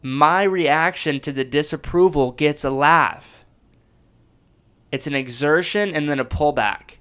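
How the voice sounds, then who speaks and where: Smooth-voiced man breaking down his comedy. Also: on the high side, measured pace, bright, forceful tone. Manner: enthusiastic and self-reflective, with restarts. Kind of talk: analyzing his own stand-up clip.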